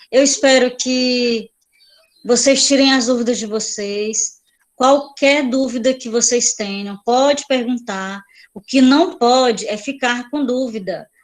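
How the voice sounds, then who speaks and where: A woman teacher giving an online class, explaining patiently, repeating points and checking in with her students. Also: on the high side.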